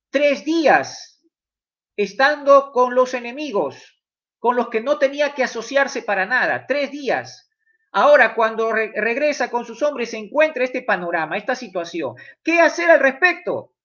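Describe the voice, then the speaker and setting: A man's voice: very high voice, lively intonation, normal speed, bright, forceful tone, dull audio. A man preaching a sermon, emphatic, putting questions straight to his listeners.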